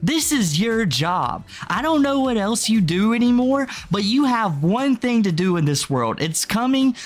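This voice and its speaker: A man's voice: high-pitched, sing-song, a little slow. A man reacting as a streamer, with casual, amused, mocking commentary that slips into acted-out quotes.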